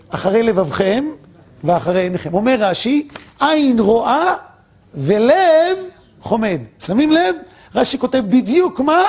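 Animated husky man teaching Torah. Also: high-pitched. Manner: questions the audience and answers himself, swings from loud peaks to quiet drops.

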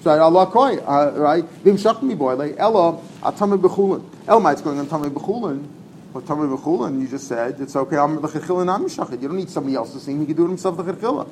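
Fast-talking man teaching Talmud. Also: a little high, a little hiss or hum, low-quality recording. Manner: animated, rapid, repeats himself, mixes Hebrew terms. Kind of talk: informal Talmud class.

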